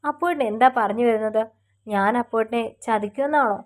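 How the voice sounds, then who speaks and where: A woman voicing a shy, tearful young girl in love, speaking earnestly and softly. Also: on the high side, fairly quick, natural voice.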